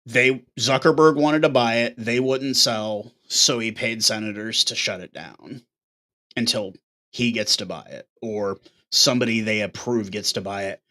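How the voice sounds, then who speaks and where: A man's voice: on the low side, fairly even intonation, unhurried, bright, forceful tone. A man hosting his own show, talking bluntly in a casual, ranting monologue with occasional swearing. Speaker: show host.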